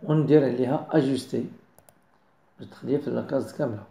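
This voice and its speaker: A man with a Moroccan accent giving a software design tutorial, mixing in French words and often checking that viewers follow. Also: mid-range voice, quick pace, gravelly, echoey room. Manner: mixes French into explanations, keeps checking understanding. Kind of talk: screen-recorded software tutorial.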